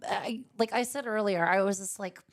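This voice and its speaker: A woman's voice: mid-range voice, normal speed. A woman co-commentating a card game tournament in a casual, chatty way, with lots of fillers and jokes. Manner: chatty, filler-heavy, jokey. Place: empty gaming room at a cafe.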